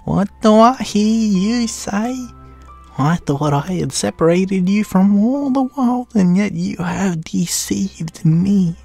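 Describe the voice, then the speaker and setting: A wicked old enchantress with an Australian accent, acted out by a man, pitched far above his own voice. She is mocking and venomous, with a gravelly edge, in a storybook reading over music. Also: slow pace, dark tone, exaggerated voice. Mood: furious. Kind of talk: storybook character voice.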